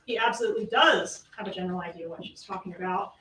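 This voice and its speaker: A woman's voice: lowish voice, fast talker, bright, forceful tone. Woman prosecutor, closing argument, pointed questions, roomy and distant courtroom audio with faint noise. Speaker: trial prosecutor. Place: large courtroom. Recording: echoey courtroom audio from far off.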